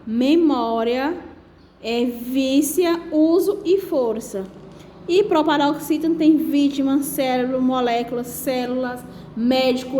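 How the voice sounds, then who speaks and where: A Brazilian Portuguese-speaking woman teaching a lesson, explaining slowly with many fillers and restarts. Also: sits high, a little mellow. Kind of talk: lesson on a reading exercise. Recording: echoey room with faint ambient noise.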